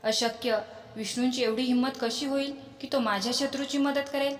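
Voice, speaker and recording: A woman's voice: high-pitched, fairly even intonation, moderate pace, lightly acted. A woman voicing a furious, arrogant demon king who barks scornful commands, in an echoey space with a long reverb. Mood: roaring.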